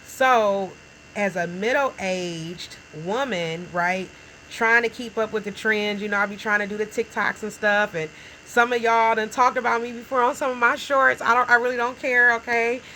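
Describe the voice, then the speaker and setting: A woman's voice: on the high side, steady tone, normal speed, bright, forceful tone, a little hiss or hum, low-quality recording. A woman in her forties talking casually to camera as a small business owner, frank and encouraging, often checking in with "okay?" and "right?". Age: 40s. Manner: frank and encouraging, talks straight to the viewer.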